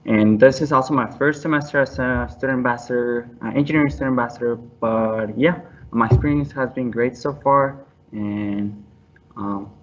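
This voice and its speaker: A man's voice: medium pitch, moderate pace, far from the mic, lo-fi sound. A man, introducing himself loosely and often correcting himself. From Mexico. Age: 20s. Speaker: engineering student ambassador. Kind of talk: self-introduction on a panel.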